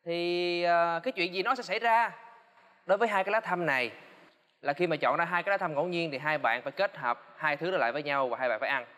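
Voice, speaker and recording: A man's voice: a little high, fast, bright, forceful tone, long reverb tail. A man co-hosting a studio talk show, joking and teasing the guests through a food challenge. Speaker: co-host of a startup TV talk show. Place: TV studio with live audience.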